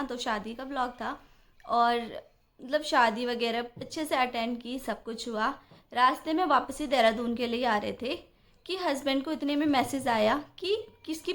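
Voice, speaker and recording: A woman's voice: sits high, fairly bright tone. A young adult woman vlogging about a family dispute, upset and indignant, talking in long rambling runs full of fillers. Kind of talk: emotional personal vlog rant.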